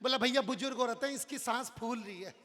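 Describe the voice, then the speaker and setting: A man tells a comic story from a poetry stage, acting out each character as he goes. His voice sits very high and bright. The sound carries a long reverb from the live hall. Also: brisk. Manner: lively storyteller acting out many characters, shouting punchlines. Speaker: comic poet.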